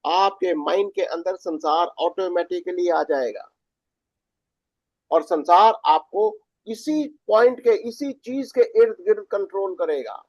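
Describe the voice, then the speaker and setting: A man's voice: sits high, takes it slowly, a little mellow, dry recording, muffled recording. A man teaching a Bible study as pastor, mixing in English words and often restarting his phrases.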